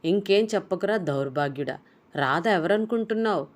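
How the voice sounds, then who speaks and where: A woman voicing an excitable middle-aged man, a protective uncle who scolds and shouts in exasperation. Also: lowish voice, moderate pace, voice pushed up, close to an everyday voice. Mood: angry.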